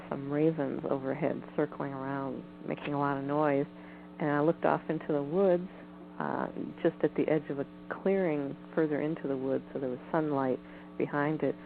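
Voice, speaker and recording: A woman guest on a phone interview, speaking in a measured, hedging way with frequent ums. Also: low-pitched, creaky. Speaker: guest, Bigfoot researcher. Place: home in the woods. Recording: tinny phone line with faint hiss.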